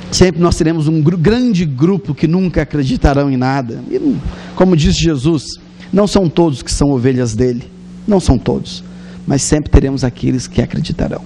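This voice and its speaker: High-voiced Brazilian preacher telling a story. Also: male voice, slight background noise. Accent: Brazilian Portuguese. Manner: lively storytelling, acts out scenes. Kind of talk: sermon.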